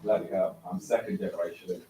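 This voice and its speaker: A man's voice: deep voice, steady tone, quick pace, warm tone. A man giving a casual, chatty talk at an event, joking and using fillers. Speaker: event speaker. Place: university studio hall. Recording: echoey hall from far off, noisy.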